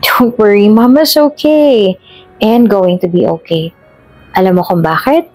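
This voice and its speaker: A woman voicing a tender, dying mother speaking softly to her daughter. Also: medium pitch, measured pace, no echo, soft background music, lightly acted. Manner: soft, gentle, loving.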